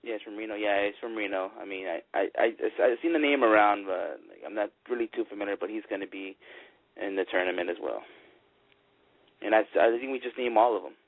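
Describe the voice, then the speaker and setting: A man's voice: fairly low pitch, fast talker, no echo. A laid-back man co-hosting a wrestling radio show, hesitant and full of fillers. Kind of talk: casual wrestling talk radio. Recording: dry, phone-like lo-fi audio.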